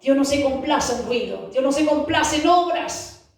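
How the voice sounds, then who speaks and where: A woman's voice: high-pitched, measured pace. A woman preaching a fervent sermon, repeating rhetorical questions to the congregation. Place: church hall. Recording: echoey church hall from far off.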